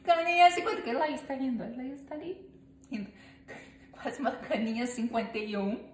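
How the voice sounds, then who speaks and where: Speaking at a moderate pace in a high voice, a woman in her thirties runs a casual cooking demonstration as a home cooking vlogger. She works through a recipe in her home kitchen, playfully chatting with viewers and her helper, recorded in an echoey space with clear background noise.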